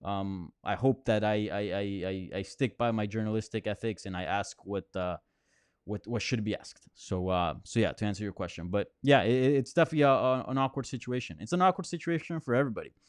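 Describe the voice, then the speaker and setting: On a live Q&A stream from an apartment near a hospital, a male host answers viewer questions in a rambling, conversational way, full of fillers and restarts. His voice is fairly low, a little fast, clear and resonant, captured in clean studio sound with no room noise.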